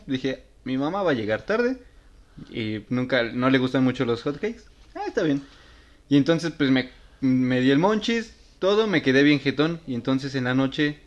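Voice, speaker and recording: A man's voice: mid-range voice, highs cut off. A young man with a Mexican accent telling a story in laid-back, slangy casual talk. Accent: Mexican Spanish.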